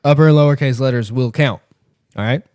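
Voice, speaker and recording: A man co-hosting a podcast, running a spelling game with teasing banter and spelling words out slowly. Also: mid-range voice, a little mellow, no room sound, clean studio sound.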